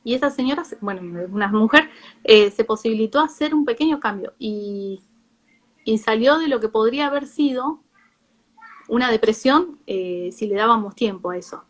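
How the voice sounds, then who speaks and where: Appearing as a guest speaker, this Argentine-accented psychologist talks casually before a live audience. She's a woman with a somewhat high voice who pauses often and reworks her sentences as she goes.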